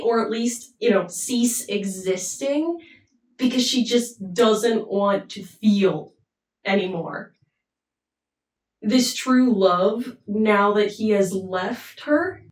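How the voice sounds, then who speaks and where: A woman retelling an opera plot in a chatty, casual way, with pauses and asides. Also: fairly high pitch. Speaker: storyteller summarizing an opera. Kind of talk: casual storytelling. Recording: roomy, mic at a distance.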